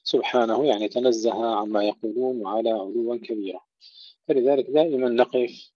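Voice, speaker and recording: A male Quran teacher with a dark, mellow voice explains recitation rules carefully, repeating each word to model its pronunciation. The recording is dull and muffled, with a dry, close sound. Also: medium pitch, fairly quick, no room sound. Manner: precise, demonstrates pronunciation by repeating words. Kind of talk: tajweed lesson explanation.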